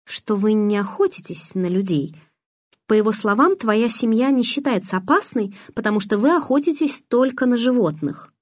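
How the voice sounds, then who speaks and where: A shy but stubborn teenage girl, earnest and curious, as a woman reads her in an audiobook. Her voice is soft and earnest, recorded close and dry. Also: a little high, animated, moderate pace, no room sound, pitched above the performer's own voice. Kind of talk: audiobook reading.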